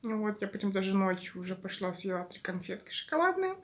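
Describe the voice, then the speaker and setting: A woman's voice: medium pitch, very animated, brisk. A woman vlogger, chatting casually and confidingly to her followers in a rambling, informal way. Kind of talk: casual vlog chat to followers. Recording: clear background noise, home-made vlog.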